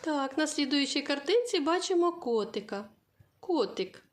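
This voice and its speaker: A woman's voice: high voice, expressive. A woman teacher giving a literacy lesson to young children, asking simple questions and answering them herself. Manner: slow, sing-song questions to small children. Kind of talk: early-years literacy lesson.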